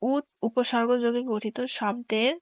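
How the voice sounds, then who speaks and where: A woman teacher slowly reading grammar rules and examples in a careful, dictation-like way. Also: fairly high pitch, fairly even intonation, dry recording.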